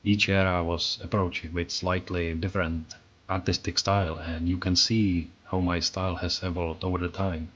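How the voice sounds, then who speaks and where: Deep-voiced yet fairly bright in tone, this Czech-accented artist and channel creator, a native Czech speaker, narrates a scripted voice-over at normal speed with flat delivery. His manner is earnest, reflective and self-critical, over dull audio.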